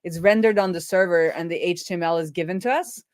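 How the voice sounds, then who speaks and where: Talking fast in a lowish voice, a woman streamer and web developer reasons out loud in informal chat during her live coding session. The recording is dry with clean studio quality.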